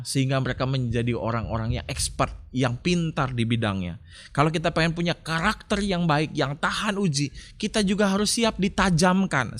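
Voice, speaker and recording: A middle-aged man who is a pastor, preaching a sermon and telling personal stories to the congregation. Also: medium pitch. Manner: storytelling, animated when telling anecdotes; addresses congregation as Bapak Ibu.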